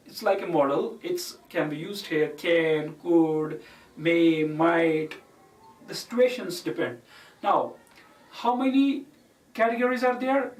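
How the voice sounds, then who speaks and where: Guy teaching a language lecture, talks real slow and says examples over and over, echoey room, far from the mic. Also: on the high side. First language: Kashmiri. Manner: repeats each example word by word while explaining. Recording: roomy echo, mic far off.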